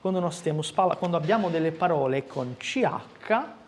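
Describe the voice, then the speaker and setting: A man teaching Italian, explaining pronunciation and repeating phrases slowly with careful articulation. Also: on the high side, animated. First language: Portuguese. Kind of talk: language lesson, modeling pronunciation for repetition.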